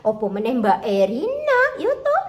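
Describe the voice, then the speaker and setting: Her slightly high voice swoops wildly in pitch, darkish in tone, at normal speed and reverberant in her home kitchen. She's a food-selling vlogger from Indonesia with a Javanese-Malay accent, casually chatting and repeatedly calling to viewers with "teman-teman, ya." She speaks of herself in the third person.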